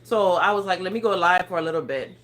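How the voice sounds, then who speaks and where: A woman in her thirties with a non-native English accent hosts a lifestyle channel and chats casually on a phone livestream, reading viewer comments. She rambles, laughs, and stumbles over words, talking fast in a lowish, slightly bright voice.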